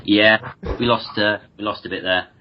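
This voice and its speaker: A man's voice: lowish voice, fairly even intonation, normal speed, background noise. A man hosting a casual football podcast, flustered and repeatedly restarting his intro while directing his co-hosts. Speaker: podcast host. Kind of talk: casual podcast chat, fumbled intro takes. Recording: dull lo-fi online call audio.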